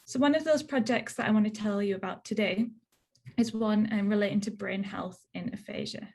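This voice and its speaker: A young woman from northeast England talks through her research over a video call in a Northeast English accent. Her mid-range voice is brisk and a little mellow with vocal fry, and her plain, chatty explanations are full of "so" and "um".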